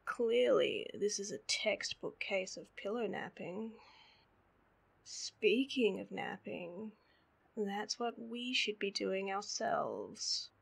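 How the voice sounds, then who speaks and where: A woman with an Australian accent plays a sleepy, needy girlfriend, whining playfully at bedtime in intimate roleplay spoken straight to the listener. Her mid-range voice is creaky and husky, slow and drawled, with sighs and hums. It's an animated, full character voice, drowsy and silly.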